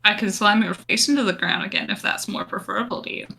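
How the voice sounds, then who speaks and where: A woman's voice: mid-range voice, fast talker, vocal fry, pushed and bright. Woman as an angry, menacing male adventurer. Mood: threatening. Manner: menacing, sweary, sarcastic. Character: Micah, angry vengeful male adventurer, coldly threatening.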